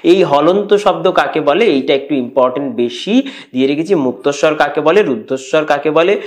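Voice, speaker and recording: A man with a fairly high voice and a West Bengal accent teaches an online lesson. He runs down likely exam questions one after another, moving briskly between topics. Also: lively intonation. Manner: rapid question-by-question rundown with frequent "আচ্ছা".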